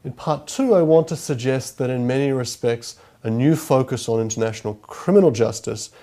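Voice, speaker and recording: A man from New Zealand with a broad Kiwi accent gives a formal academic lecture while speaking through a heavy cold, in measured, halting long sentences. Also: mid-range voice, mellow. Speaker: guest lecturer.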